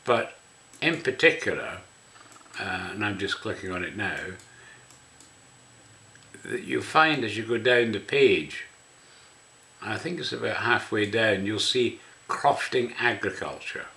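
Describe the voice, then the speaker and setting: Casting: older Scottish male host, smoker's rasp, low bright voice, rambling informal walk-through. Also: animated, measured pace, pauses often. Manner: rambling, conversational. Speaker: website host. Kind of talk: casual spoken walk-through of a website.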